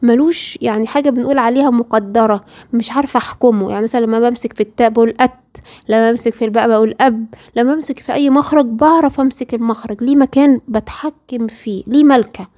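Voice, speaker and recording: Woman, Egyptian accent, tajweed teacher, patient explanations, rhetorical questions, fairly high voice. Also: racing, dark tone. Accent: Egyptian Arabic. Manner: explains patiently, asks rhetorical questions, speaks directly to a female student. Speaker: Quran recitation teacher. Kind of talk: tajweed lesson.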